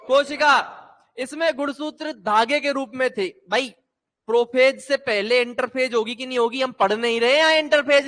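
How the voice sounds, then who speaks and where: Animated high-voiced male teacher. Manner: animated, coaxing students to chant answers. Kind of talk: classroom lecture with call-and-response.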